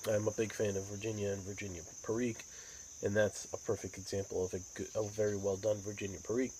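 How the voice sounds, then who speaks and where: Low-voiced American man, casual and musing. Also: level tone, fast, darkish tone, low-quality recording. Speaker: pipe tobacco vlogger. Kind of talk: casual rambling monologue. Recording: outdoor insect and cricket noise.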